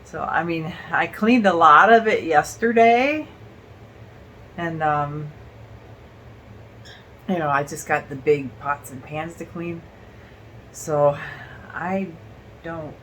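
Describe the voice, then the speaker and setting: Slow-talking breathless woman vlogger. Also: low voice, a bit bright, a little hiss or hum, poor audio. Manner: rambling, halting with fillers and laughs. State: out of breath from illness. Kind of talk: casual chat to camera.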